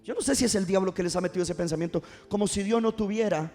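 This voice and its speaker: Very high-pitched preacher. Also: male voice, quick pace, darkish tone, soft background music. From Costa Rica. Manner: impassioned preaching with rhetorical questions to the congregation. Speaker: pastor. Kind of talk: sermon. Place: church service.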